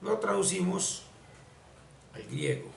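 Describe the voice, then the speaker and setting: A man teaching spiritual ideas in an explanatory lesson, talking slowly and deliberately and repeating words for emphasis. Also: high voice, huge pitch swings, creaky. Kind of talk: explanatory screen-share lesson. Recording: echoey room, distant mic, faint hiss.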